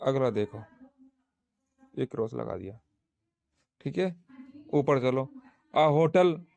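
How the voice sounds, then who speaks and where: A man teaching an exam-prep grammar lesson, slowly walking through examples and answering his own questions. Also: mid-range voice, lively intonation, creaky, a little mellow.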